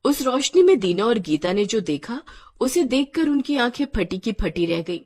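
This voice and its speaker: A woman narrates a cartoon tale in a breathy voice, set a little high. Her delivery is dramatic and expressive, with lively swings in pitch. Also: moderate pace. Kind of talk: scripted storytelling narration.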